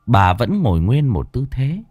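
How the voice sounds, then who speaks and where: A man's voice: medium pitch, big pitch swings, measured pace, darkish tone, slightly rough, no room sound. A man narrating a ghost story in a dramatic storytelling manner. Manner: dramatic storytelling with voiced characters. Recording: dry close recording with faint music.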